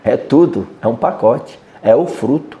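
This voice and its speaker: Male pastor, sermon delivery, mid-pitched voice with a mellow tone, earnest teaching style. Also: expressive, unhurried, dull audio. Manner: earnest teaching, often adds "né" and addresses "querido".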